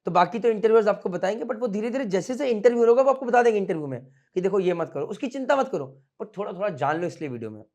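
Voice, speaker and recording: High-voiced man coaching in a classroom. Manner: animated, shifts between fast and slow, loud and soft; mixes Hindi and English freely, scolds playfully. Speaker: merchant navy coaching instructor. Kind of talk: casual Hindi-English teaching talk. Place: classroom with students standing behind.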